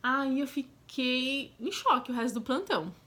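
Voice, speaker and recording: Chatty Brazilian woman, higher voice. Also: expressive, a little slow, bright, forceful tone. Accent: Brazilian Portuguese. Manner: chatty and direct, with frequent asides to the viewer. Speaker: vlogger. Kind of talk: casual storytelling.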